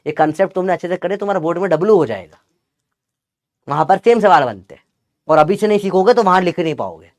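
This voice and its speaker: A man's voice: high-pitched, expressive, fast, no room sound, studio quality. A young man teaching physics in a chatty, teasing lecture. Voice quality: chatty, teasing, calls students beta. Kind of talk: classroom lecture with Gen Z slang.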